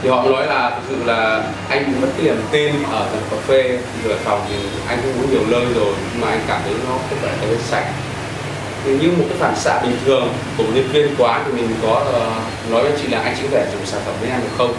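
A man's voice: mid-range voice, fairly even intonation, fast. A man in his thirties, a cafe owner, answering interview questions earnestly with many hesitant fillers, inside a small cafe. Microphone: far camera. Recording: echoey room, from far off, noisy.

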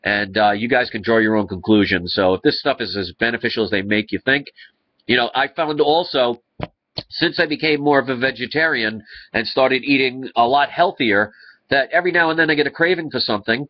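Talking a little fast in a mid-range voice, this man in his thirties sounds congested as he addresses his webcam from the living room. The vlog is casual and earnest, with rambling and restarted sentences, and the lo-fi audio comes across slightly dull.

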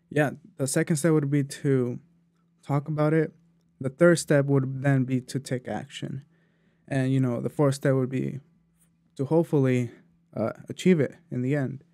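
A man's voice: medium pitch, mellow, dry recording, clean studio sound. A man hosting his own podcast, talking loosely and chattily with plenty of fillers while he eats a meal. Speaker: podcast host. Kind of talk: casual solo podcast talk.

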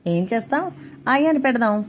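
A woman's voice: a little high, lively intonation, normal speed, a little hiss or hum, pitched above the performer's own voice, lightly acted. A woman voicing a bewildered young husband who tries to soothe his wife in a read-aloud story. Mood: placating. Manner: soothing, placating.

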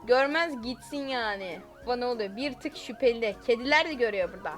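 A woman commentating her own gameplay as a YouTuber, excitable, exclaiming and giggling often. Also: on the high side, quick pace, faint music behind. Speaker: gaming YouTuber.

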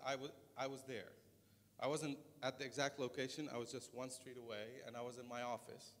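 Speaking at medium pitch with a somewhat bright quality, a Lebanese-accented man in his thirties presents informally as a conference speaker. The setting is a large, reverberant lecture auditorium with background noise.

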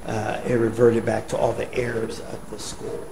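A man's voice: lowish voice, level tone, unhurried, gravelly, warm tone. A man showing visitors around an old school, explaining plainly and matter-of-factly. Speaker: building owner giving a tour. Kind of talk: casual guided tour. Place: inside an abandoned school building. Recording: echoey empty room with noise.

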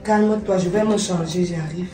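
A woman playing a stepmother in a comedy web series, scolding in a formal, measured way. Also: fairly low pitch, reverberant, far from the mic, music in the background.

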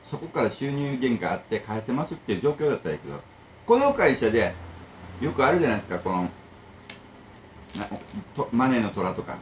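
A man's voice: mid-range voice, a little hiss or hum, rough recording. A man who runs a bento shop, talking casually and rambling to camera, jumping between complaints and advice. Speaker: bento shop owner and channel host.

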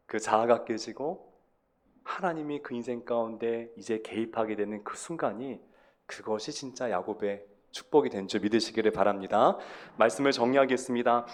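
A male pastor preaching a sermon, stressing words emphatically and asking the congregation rhetorical questions. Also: medium pitch.

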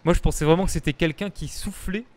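A man's voice: on the high side, fast. A man giving casual, jumpy, sweary live commentary as he streams a horror game. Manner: jumpy, excitable, swears freely. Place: indoor streaming room.

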